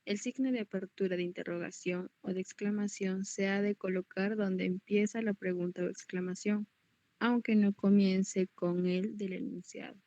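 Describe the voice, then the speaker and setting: A woman reads a passage aloud for her class at an even pace. Her home microphone sounds dull and lo-fi, though dry and close. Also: medium pitch, normal speed, no room sound. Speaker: student. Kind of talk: reading a text aloud in class.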